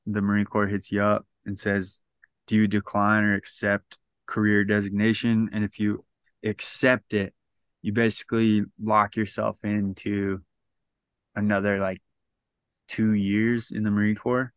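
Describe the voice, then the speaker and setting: A man's voice: on the low side, little pitch movement, a little slow, fairly bright tone, clean tone, no room sound. A man in his thirties, a podcast guest, telling his story in a casual, rambling way with lots of restarts. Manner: rambling, many restarts and "like" fillers.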